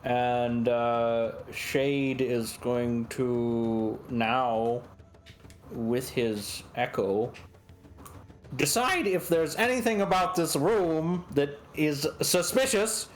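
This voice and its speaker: A man plays a tabletop game and talks casually through his moves. His phrasing is very slow and halting, yet the pitch is lively, with soft music underneath.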